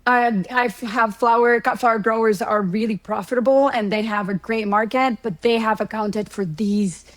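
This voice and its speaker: A middle-aged woman from Ecuador speaks as an interview guest. Her voice sits a little high, and she explains things patiently, working through examples. Her answers are conversational, with ordinary pauses and fillers. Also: steady tone, rough recording. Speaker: guest, horticulture economics professor.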